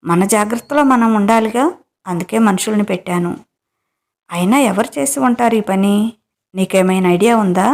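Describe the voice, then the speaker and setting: A woman's voice: medium pitch, moderate pace, darkish tone, lightly acted. A woman voicing a wary, worried older man in a romance audio story, with an anxious, questioning manner.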